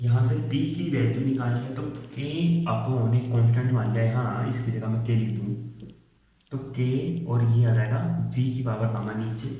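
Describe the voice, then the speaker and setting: A male physics teacher working through derivations step by step, often pausing to check in with his students. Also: mid-range voice, warm tone. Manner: explains step by step, often checks with "theek hai". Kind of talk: whiteboard lecture. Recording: echoey room, distant muffled mic.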